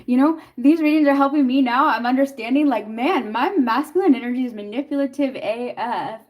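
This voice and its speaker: A woman's voice: sits high, fairly quick, lo-fi sound. A young woman doing a casual tarot reading and chatting with viewers, laughing often and reacting to their comments. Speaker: tarot reader.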